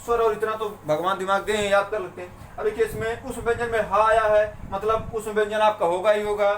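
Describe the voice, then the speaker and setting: A man teaching a grammar lesson for an exam, asking questions and answering them himself, and saying consonants slowly one at a time. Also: sits high, flat delivery. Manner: asks and answers his own questions. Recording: roomy, mic a bit far off, faint room noise.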